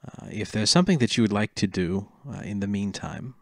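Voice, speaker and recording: A man voicing a gentle, earnest elf in a tabletop game, with a soft, slightly camp, formal manner. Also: on the low side, animated, brisk, vocal fry, no echo, studio quality, voice pushed down. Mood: polite, accommodating. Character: gentle, earnest male elf orchard keeper, formal and measured. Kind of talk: tabletop role-play.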